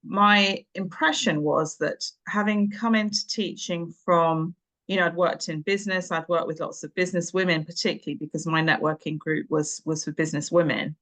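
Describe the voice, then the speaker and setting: This English teacher and tutor in her fifties, from Nairobi, Kenya, with an English boarding-school education, reminisces conversationally about her career as an interview guest. Her lowish voice keeps a steady tone at a moderate pace and comes across a bit bright, while her phrasing is hesitant, punctuated by emphatic words.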